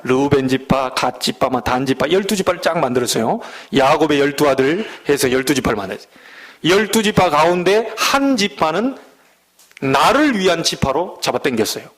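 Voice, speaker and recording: A middle-aged man from the Jeolla region preaching a sermon as pastor, folksy, with loud emphatic peaks and low asides. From Jeolla, Korea.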